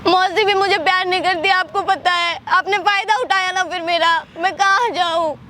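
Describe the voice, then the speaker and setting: A woman's voice: very high-pitched, fairly even intonation, moderate pace, pushed and bright, a little hiss or hum. A woman playing a desperate pregnant young woman who tearfully pleads with her lover not to leave, in a staged prank drama in an outdoor city park. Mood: pleading. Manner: pleading, tearful, repeating "please don't".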